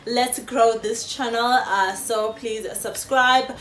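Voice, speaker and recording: This late-twenties South African woman films a casual Q&A vlog on her phone from a sofa in a small room, talking to viewers in a chatty, warm-hearted way with frequent fillers. She speaks slowly at a fairly high pitch with fairly even intonation, and the room echoes over a little hiss or hum.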